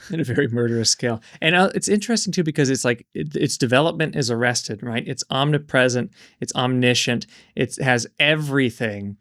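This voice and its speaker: A man co-hosting a casual book discussion. He thinks aloud in a questioning way, with hesitant ums and uhs, at a middle pitch. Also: a little fast, a bit bright, no room sound, clean studio sound. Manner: thoughtful, questioning, with hesitant fillers. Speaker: book podcast co-host.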